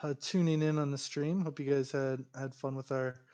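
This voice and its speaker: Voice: medium pitch, steady tone, moderate pace, dark tone. A game master in casual chat, closing out a tabletop game stream, laughing often and repeating words.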